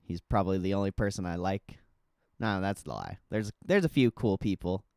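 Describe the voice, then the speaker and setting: A man's voice: deep voice, moderate pace, a little mellow, dry recording, clean studio sound. A young man chatting casually on a livestream like a laid-back crypto bro, slangy and sweary. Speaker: livestream host.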